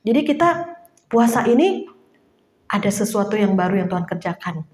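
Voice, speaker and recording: A woman preaching an informal sermon to a small house church, chatty and lively, laughing now and then and acting out little quotes. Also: medium pitch, moderate pace, echoey room.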